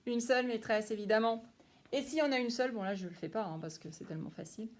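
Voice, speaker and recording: A woman's voice: on the high side, fast, darkish tone. A woman, a primary school teacher, giving a phonics lesson to young children and praising each one by name.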